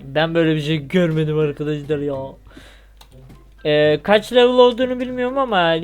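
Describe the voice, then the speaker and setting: A man's voice: a little high, brisk, faint music behind. A young man from Turkey, with a Turkish accent, chatting casually and joking as he plays through a parkour game for his channel. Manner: chatty, joking, yelps when he falls. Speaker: gaming YouTuber. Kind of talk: casual gameplay commentary.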